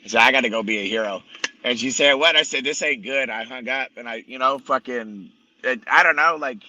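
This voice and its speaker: A man's voice: mid-range voice, a little fast, pushed and bright, no echo, low-quality recording. A man guest telling a story in casual conversation, blunt and profane, rambling with many restarts. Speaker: podcast guest.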